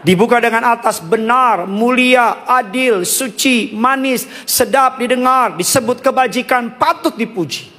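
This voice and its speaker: A man preaching a lively sermon as pastor, joking with the congregation, leading call-and-response and mixing in English phrases. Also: very high-pitched, unhurried, hardly any pauses. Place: church sanctuary. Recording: long hall reverb.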